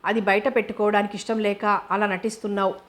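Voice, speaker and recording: Woman reader as a sly mocking conscience, sarcastic, flat and even. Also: medium pitch, fast, lightly acted.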